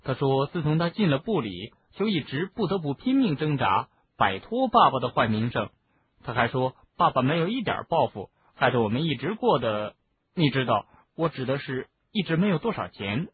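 Voicing a talkative teenage wizard boy for an audiobook, a man rambles through long explanations at normal speed. His mid-range voice has a breathy edge and swings widely in pitch, heard through a narrow, phone-like lo-fi sound.

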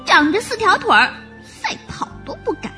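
A woman's voice: very high voice, very animated, moderate pace, pushed and bright, soft background music, pitched above the performer's own voice, heavily acted. Woman doing a cheeky bouncy bunny. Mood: playful, teasing. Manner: bouncy, teasing. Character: cheerful cheeky young bunny.

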